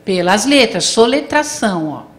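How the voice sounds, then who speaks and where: A woman's voice: mid-range voice, sing-song, normal speed. A woman lecturing to a live audience, explaining step by step and often checking in with her listeners. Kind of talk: classroom lecture.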